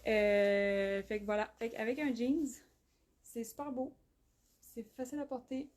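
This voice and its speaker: A woman with a Québécois accent hosting a live clothing sale, chatty, full of fillers and quick laughs. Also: on the high side, flat delivery, darkish tone. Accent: Québécois French. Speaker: clothing brand host. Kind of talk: live shopping stream. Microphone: phone.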